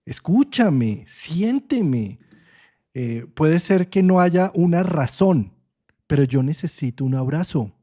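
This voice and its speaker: This is a man in his own voice, an astrologer walking through an idea in an unhurried chat. He sits a bit high in pitch, with a soft, dark, mellow tone. He thinks aloud, stops to check in with a quick "right?", and keeps his phrases open and thoughtful. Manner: frequent "¿sí?" checks, thoughtful and expressive. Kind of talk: conversational explanation in an online talk.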